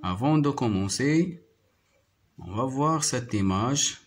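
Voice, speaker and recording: A man with a Moroccan accent, whose first language is Arabic, teaching a primary French lesson and slowly repeating each word and syllable. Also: mid-range voice, lively intonation, slight background noise. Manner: slow, deliberate, repeats words and syllables. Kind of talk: slow classroom explanation.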